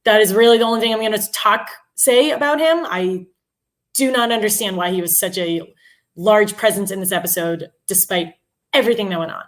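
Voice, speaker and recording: A woman's voice: mid-range voice, a little fast. A woman co-hosting a casual TV recap chat, speaking bluntly with strong opinions and some swearing. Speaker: podcast co-host.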